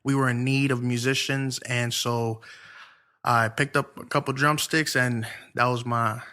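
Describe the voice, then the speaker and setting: A young man from Ohio talks as a guest on a podcast. His voice is bright and forceful. He speaks in a relaxed, friendly way and restarts his sentences now and then. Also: medium pitch, a little slow. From Lorain, Ohio. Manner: laid-back and friendly, with restarts. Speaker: church music minister, podcast guest. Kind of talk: casual interview talk.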